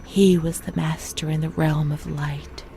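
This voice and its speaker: In a narrative game, a woman plays a fragile, haunted young former asylum patient, giving a slow, halting, confessional monologue. Her deep, mellow voice is breathy, often drops to a whisper, and keeps fairly even intonation, sounding traumatized and anguished. Music plays behind her, with slight background noise.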